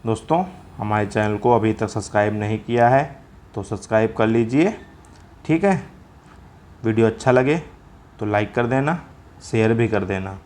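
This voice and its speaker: A man teaching an exam-prep quiz lesson in a casual, chatty way, calling viewers friends and repeating each answer with quick check-ins. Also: fairly low pitch, darkish tone.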